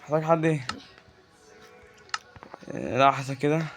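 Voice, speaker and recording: A man's voice: mid-range voice, lively intonation, moderate pace, over music. A man with an Egyptian Arabic accent giving casual Let's Play commentary, chatty and joking, talking back to the game's creatures. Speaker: gaming YouTuber.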